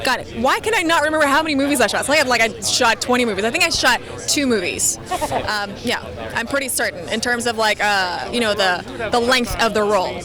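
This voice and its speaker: A woman from Spain talks in a slightly high voice, rambling and teasing herself. She speaks on an outdoor red carpet over loud crowd chatter. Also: brisk. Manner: chatty, rambling, self-deprecating. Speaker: actress and TV host.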